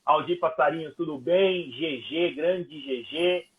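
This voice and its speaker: A man's voice: fairly high pitch, a little slow, narrow, tinny audio. A man hosting a live online talk show, chatting casually and greeting viewers one by one by name. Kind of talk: casual live-stream chat. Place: home, Ribeirão. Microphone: wireless mic. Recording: roomy and distant with faint background noise.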